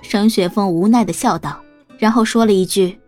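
A woman reads a storybook aloud, her voice steady and calm at a middle pitch. She keeps an even, unhurried narrating tone throughout. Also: faint music behind. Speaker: audiobook narrator.

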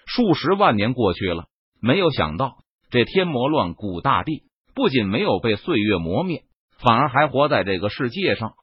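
A man's voice: medium pitch, big pitch swings, moderate pace, husky, no room sound. A man reading a web novel aloud as scripted narration, dramatic and swelling on the battle passages. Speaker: audiobook narrator. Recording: dull, lo-fi, dry recording.

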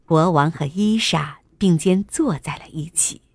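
A woman telling a bedtime story to small children in a gentle, sing-song way, at times dropping to a whisper. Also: lowish voice, measured pace, no room sound.

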